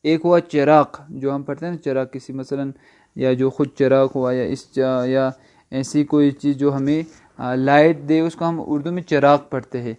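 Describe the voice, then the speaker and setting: A man giving a recorded online language lesson, explaining slowly, repeating words and spelling them letter by letter. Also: mid-range voice, fairly even intonation, mellow, clean tone. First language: Urdu. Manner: slow repetitive explaining with rhetorical questions. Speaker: language teacher.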